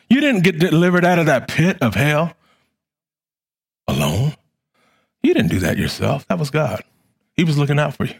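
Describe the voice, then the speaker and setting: A middle-aged man preaching a sermon as pastor, with a fervent, repetitive cadence that swells loud and drops to quiet. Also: medium pitch, breathy edge.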